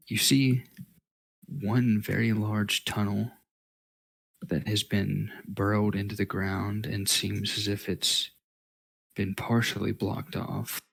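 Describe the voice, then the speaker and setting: A man runs a tabletop game as its game master. His low voice is thick with creak and rather husky, and he improvises scene narration in a casual way. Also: fairly even intonation, takes it slowly, a bit bright, rough recording.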